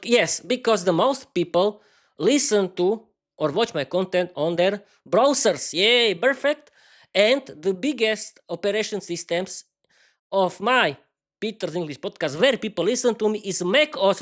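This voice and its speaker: A Slovak man speaking non-native English, hosting an unscripted solo podcast, with halting phrasing, frequent restarts and fillers, and cheerful bursts of thanks to his listeners. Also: high-pitched. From East Slovakia. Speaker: podcast host.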